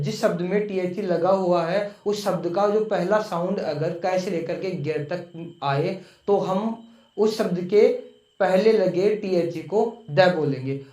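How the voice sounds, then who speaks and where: A man's voice: sits high, mellow. Patient male teacher in an echoey room. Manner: patient, repeats points and asks rhetorical questions. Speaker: online English teacher. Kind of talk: explaining grammar to viewers.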